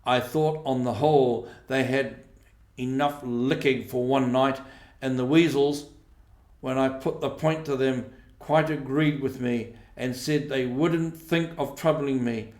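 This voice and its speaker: A man's voice: medium pitch, steady tone, measured pace, a little mellow, reverberant, lightly acted. A man voicing a modest, good-natured mole in a storybook reading, mild and matter-of-fact. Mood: satisfied. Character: modest, good-natured male Mole reporting his work.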